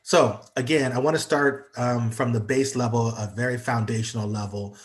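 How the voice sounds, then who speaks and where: An allergy-congested man from the United States appears as a guest speaker in an online presentation, heard through a video call. His medium-pitched voice stays steady at a normal speed, though he hesitates often and leans on ums and uhs.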